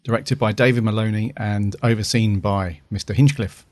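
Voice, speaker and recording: A man's voice: on the low side, fairly even intonation, moderate pace, darkish tone, no echo. A man chatting casually as a podcast host. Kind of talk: casual chat.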